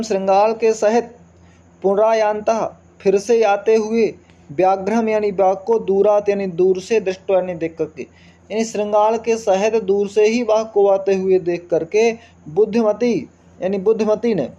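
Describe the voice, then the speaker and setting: A man's voice: sits high, fairly even intonation, mellow, dull audio. A man teaching a Sanskrit lesson, reading verses and explaining them word by word, asking questions as he goes. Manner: reads verses slowly then explains word by word, asks rhetorical questions. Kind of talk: line-by-line text explanation lesson.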